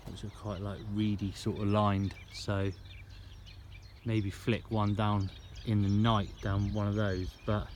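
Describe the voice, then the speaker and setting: A man's voice: lowish voice, level tone, slow, darkish tone. Man vlogging outdoors, background noise. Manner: informal, laid-back, slangy. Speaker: fishing vlogger. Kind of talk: casual vlog to camera. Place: outdoors at a fishing lake.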